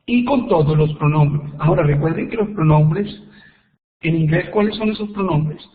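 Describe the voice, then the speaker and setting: A man teaching an online English grammar lesson, explaining slowly and patiently with repeated examples. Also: fairly high pitch. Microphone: computer microphone on a web call. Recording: echoey tinny web conference audio.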